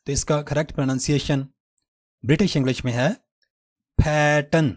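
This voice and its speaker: A man with a Pakistani accent teaching English pronunciation step by step, saying example words slowly and repeating them. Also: mid-range voice, steady tone, a little mellow. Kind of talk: pronunciation lesson.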